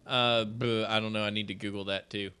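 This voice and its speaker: A man's voice: on the low side, little pitch movement, fairly quick, sharp tone, smooth. A man co-hosting a podcast in casual, joking chat, rambling and laughing often. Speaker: podcast co-host.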